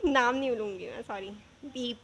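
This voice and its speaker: A young woman telling a real-life ghost story in a chatty, animated way, with frequent asides. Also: fairly high pitch, moderate pace, slight background noise. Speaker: vlogger. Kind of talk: casual storytelling.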